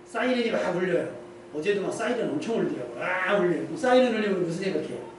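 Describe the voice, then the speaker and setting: In an echoey church sanctuary, a male pastor with a high, lively voice preaches fast and conversationally, with slight background noise and a distant mic. He poses questions to the congregation and answers them himself.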